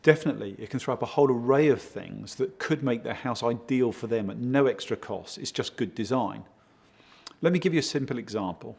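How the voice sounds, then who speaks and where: Guy consultant answering interview questions, bit husky, measured and clear about his points. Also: mid-range voice, a little mellow. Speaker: project consultant for a home design firm.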